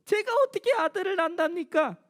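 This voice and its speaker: A woman voicing an elderly woman who pleads that she is too old to bear a son, in a children's sermon. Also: fairly quick. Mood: pleading disbelief. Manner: high, pleading disbelief.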